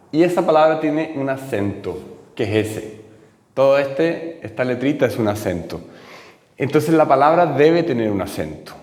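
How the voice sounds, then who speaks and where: A man's voice: mid-range voice, darkish tone. A man explaining a lesson patiently, often checking in with his listeners. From Chile. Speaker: teacher. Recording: echoey hall.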